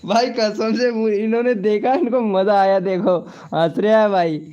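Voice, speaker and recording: A man's voice: high voice, steady tone, normal speed, dark tone, clean tone. A man hosting a casual live stream, chatting and joking with viewers, often laughing and swearing by oath. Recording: dull lo-fi stream audio.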